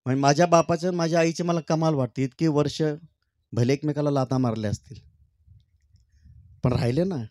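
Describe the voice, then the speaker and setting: A middle-aged man performing poems on stage. He sings slow, drawn-out refrains and then talks casually with the audience. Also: on the high side, dry recording, clean studio sound. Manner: sings poem refrains slowly and loudly, then talks warmly and chattily to the crowd. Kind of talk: stage poetry recital with talk to the crowd. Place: stage at a public event.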